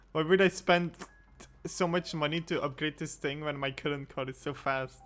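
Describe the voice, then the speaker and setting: A man chats on a podcast in a slightly higher-pitched voice. He talks in a playful, easygoing way. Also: steady tone, measured pace, a bit bright, faint music behind. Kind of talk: casual chat.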